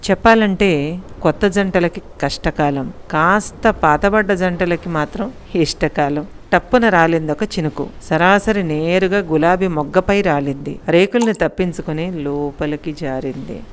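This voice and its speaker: A woman's voice: lowish voice, moderate pace, slight background noise. A woman storyteller reading a romantic audiobook story aloud, voicing the characters' lines lightly as she narrates. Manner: reads all characters' lines with light voice changes. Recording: faint background music.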